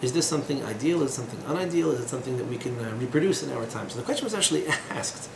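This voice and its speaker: Rapid-fire and animated, this man's gravelly, medium-pitched voice carries an informal lecture full of digressions, fillers and sardonic humor. He's in his thirties, teaching in a small room, and the recording is echoey with background noise.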